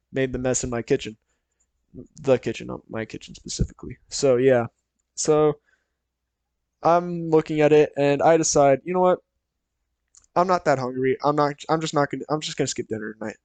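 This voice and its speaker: A man's voice: medium pitch, darkish tone, smooth, no room sound. Rambling young man telling a story. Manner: rambling, full of "so" and "like". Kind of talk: casual storytime narration.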